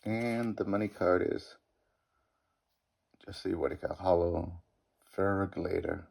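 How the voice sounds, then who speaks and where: This middle-aged man talks slowly in a low, gravelly, slightly mellow voice with a Boston accent. He rambles casually through his pack openings, self-deprecating and tripping over the card names.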